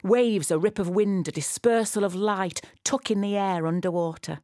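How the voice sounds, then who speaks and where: A woman giving a poetic, scripted guided narration, intimate and close as if right in the listener's ear, measured and addressing the listener directly. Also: medium pitch, mellow, dry recording. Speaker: audio walk guide.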